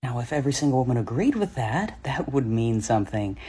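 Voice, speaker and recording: A man's voice: medium pitch, sing-song, brisk, very noisy. Dry sarcastic male commentator. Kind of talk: commentary voiceover.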